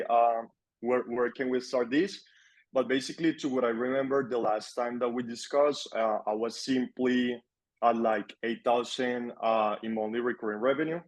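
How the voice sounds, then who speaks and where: Young Colombian man chatting casually. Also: mid-range voice. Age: young adult. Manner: relaxed, repeats words for emphasis. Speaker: guest, agency owner. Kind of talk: casual interview chat.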